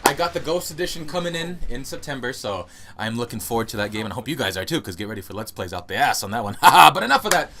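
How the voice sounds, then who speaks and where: A young American man hosts his YouTube gaming channel, rambling and laughing through a casual Q&A monologue recorded at home. His mid-range voice is animated, quick, bright, and forceful, with slight background noise.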